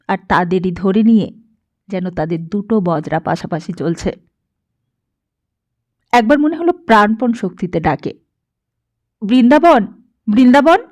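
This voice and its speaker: A woman's voice: medium pitch, a little mellow. A woman narrating a novel as an audiobook reader, reading steadily and expressively. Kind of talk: storybook narration.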